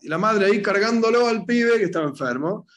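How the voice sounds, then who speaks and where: A man teaching a conversational religious lesson as a rabbi, retelling stories with animated delivery and acted-out voices. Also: high-pitched, a little fast. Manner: animated storytelling, acting out voices in retold stories.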